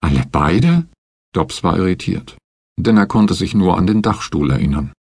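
A man doing lively, expressive audiobook narration. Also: low-pitched, moderate pace, gravelly, breathy edge, no room sound, clean studio sound. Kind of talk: scripted narration.

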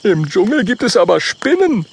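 A man's voice: high-pitched, big pitch swings, moderate pace, a little hiss or hum, voice pushed up. A man voicing a boastful young male dragon in a children's audiobook, brash and bragging. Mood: disgusted.

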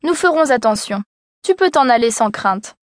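A woman's voice: a little high, lively intonation, normal speed, no echo, lightly acted. Piping, childish little goat kids, as a woman reads them aloud in a storybook, their cries lifting well above a grown voice. The sound is dry and close. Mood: reassuring. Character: small frightened young goat kids, childish and shrill. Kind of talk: storybook reading.

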